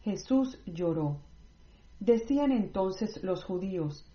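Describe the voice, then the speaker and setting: A woman reading scripture aloud in a measured, scripted way, with no commentary. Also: mid-range voice, animated. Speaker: Bible reader. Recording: roomy, slightly dull recording.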